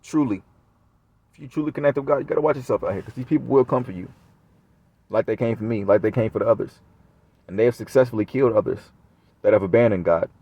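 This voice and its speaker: A man with a low voice rambles to his viewers in a casual, profane monologue. The sound is dry, with no room around it. The recording is a little dull and muffled. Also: fast, pauses often, breathy edge, no room sound. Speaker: vlogger.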